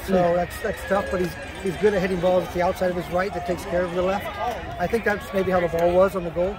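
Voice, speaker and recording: A man with a fairly high voice talks through a postgame press conference outdoors, casual and a little halting, leaning on "you know" between thoughts. A loud crowd hums behind him at the stadium. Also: level tone, music in the background. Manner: casual, repeats words, many "you know" fillers. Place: outdoors at a stadium after a match.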